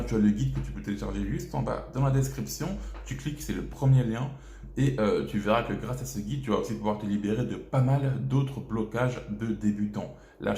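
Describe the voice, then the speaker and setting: A man's voice: lowish voice, vocal fry, warm tone, slight background noise. A French man hosting a casual video lesson, talking straight to the viewer with many hesitations and restarts. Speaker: English teacher, channel host. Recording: echoey room.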